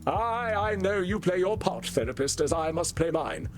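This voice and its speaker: A vain, easily wounded vampire thespian from a video game, pitched high for a male. He speaks with slow, theatrical villain menace and lofty archaic phrasing, over faint music. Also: expressive. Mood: haughty, dismissive.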